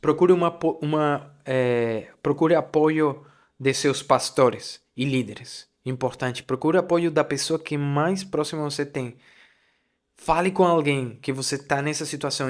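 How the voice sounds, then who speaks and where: A young man hosting a podcast, sharing an emotional faith testimony and practical advice, repeating key phrases for emphasis. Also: on the high side. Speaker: podcast host.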